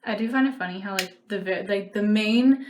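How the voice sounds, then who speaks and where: Chatty young woman in an echoey room. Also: medium pitch. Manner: chatty, self-mocking, quick asides. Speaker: vlogger. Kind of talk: rambling makeup vlog chat. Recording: echoey room with faint noise.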